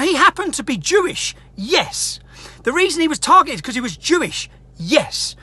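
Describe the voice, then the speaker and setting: A man's voice: extremely high pitch, sharp tone, no echo. An angry man ranting straight to camera as a political activist, sweary and combative, hammering his points again and again. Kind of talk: angry direct-to-camera rant.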